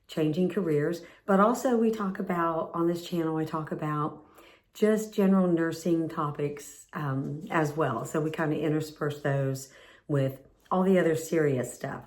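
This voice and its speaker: Older lady nurse vlogging, hoarse, low voice, rambly and chatty. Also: a little slow, darkish tone. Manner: chatty, meandering, with fillers. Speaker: nurse and channel host. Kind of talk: casual storytelling vlog.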